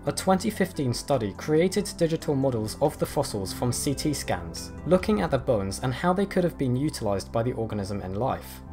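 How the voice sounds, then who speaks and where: A man narrating a scripted nature documentary in a measured, explanatory way. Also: medium pitch, sing-song. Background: background music.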